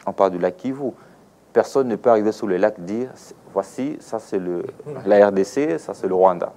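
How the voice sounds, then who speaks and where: He speaks at a moderate pace, his voice on the low side with a dark quality. An aviation expert from the Democratic Republic of the Congo with a Congolese French accent, he gives didactic interview answers built around examples and rhetorical questions.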